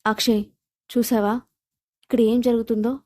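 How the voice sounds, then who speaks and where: A scheming young rival from an audio storybook, read by a woman narrator. She pleads and whines to get her way. Her fairly high voice is recorded dry and close. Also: flat delivery, normal speed, dark tone, no echo, lightly acted. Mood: tearful pleading. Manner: pleading, whiny.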